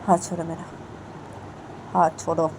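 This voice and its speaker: A woman's voice: deep voice, flat delivery, a little slow, noisy background. A woman voicing a stubborn young woman who snaps out curt refusals. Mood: angry.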